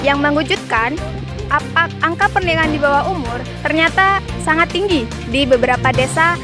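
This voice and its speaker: A woman's voice: high voice, lively intonation, moderate pace. A woman reading scripted documentary narration aloud, with the odd small slip. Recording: voice-over with background music.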